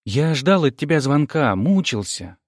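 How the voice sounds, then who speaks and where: A man voicing a meek, gentle male mathematician friend who speaks softly and politely in an audiobook. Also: a little high, big pitch swings, unhurried, dry recording, clean studio sound. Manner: soft-spoken, polite.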